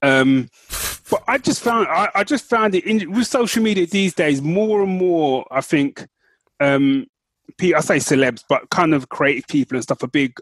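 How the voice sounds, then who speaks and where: A man with a mid-range voice co-hosts a podcast, chatting casually and informally about film and book news and repeating himself for emphasis. There's no echo.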